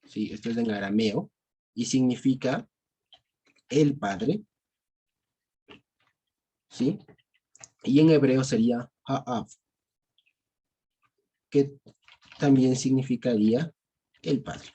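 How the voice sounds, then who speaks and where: Man teaching a Bible class, dark husky voice. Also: medium pitch, expressive, slow, long pauses, dull audio. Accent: Ecuadorian Spanish. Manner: explanatory, checks in with "¿sí?" and "¿vale?" after each point.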